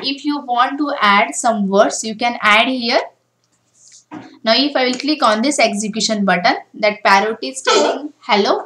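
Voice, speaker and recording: A woman's voice: on the high side, sharp tone, low-quality recording. A woman teaching a coding lesson for beginners, explaining each step in turn over a screen recording. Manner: step-by-step explaining, often starting with "now".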